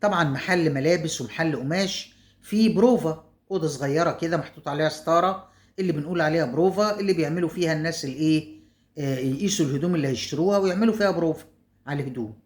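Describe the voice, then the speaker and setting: A woman's voice: low-pitched, very fast, darkish tone. Chatty Egyptian woman telling a story. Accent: Egyptian Arabic. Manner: chatty, with asides to viewers. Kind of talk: casual spoken storytelling.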